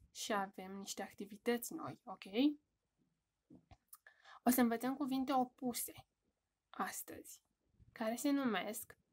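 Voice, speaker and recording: A woman with a Romanian accent teaching English words to young children in a home-school lesson, repeating each word slowly and clearly. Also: medium pitch, fairly bright tone. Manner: slow, emphatic word drills with repetition.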